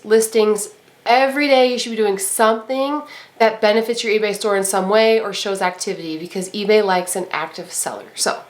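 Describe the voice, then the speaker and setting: A woman, possibly in her thirties, chatting casually to camera with a congested, nasal voice from a cold, rambling with lots of fillers. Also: a little high. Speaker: vlogger and eBay reseller.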